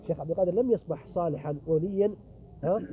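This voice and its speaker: A man's voice: high-pitched, very fast. A middle-aged man preaching a sermon with a closing prayer, speaking emphatically and firing rhetorical questions at his audience. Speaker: visiting preacher. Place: religious gathering with an audience. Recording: muffled recording, faint background noise.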